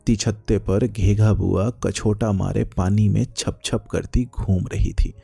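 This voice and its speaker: Slow, gravelly male storyteller. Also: lowish voice, fairly even intonation, warm tone, dry recording, soft background music. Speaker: narrator. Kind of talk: literary story reading.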